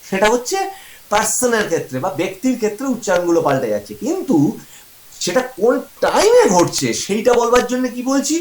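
Guy teaching a grammar class, high voice that swings up and down a lot, roomy echo. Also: big pitch swings. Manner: asks the class questions and answers them himself, repeats examples slowly. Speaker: English teacher. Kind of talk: classroom-style grammar lesson.

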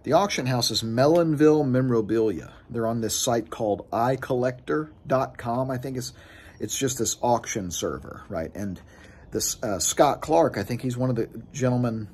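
A man's voice: mid-range voice, darkish tone, slight background noise. A man in his thirties giving a casual, frustrated vlog rant to his phone camera outdoors on his porch, gesturing with his hands as he talks. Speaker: sports card collecting vlogger. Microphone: phone camera close up.

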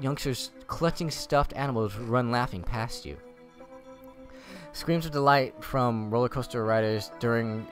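A man's voice: mid-range voice, a bit bright. Guy doing a lets play, reads the story out and snarks at it, voice bounces all over, little music behind. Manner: sarcastic, swears and laughs at the story. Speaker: let's play host. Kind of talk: casual game commentary, reading game text aloud.

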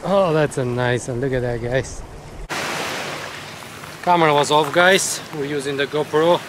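Out on a rocky beach jetty by the sea, a middle-aged man casually narrates his fishing for viewers, addressing them as "guys" and growing excited whenever a fish bites. He speaks on the high side at a measured pace, recorded on a chest-mounted action camera by the surf amid loud waves and wind.

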